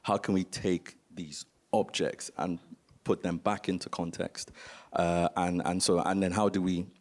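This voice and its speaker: A Nigerian museum founder gives an informal talk on a conference panel, telling stories and posing rhetorical questions. His voice is low-pitched and level, and he takes his time.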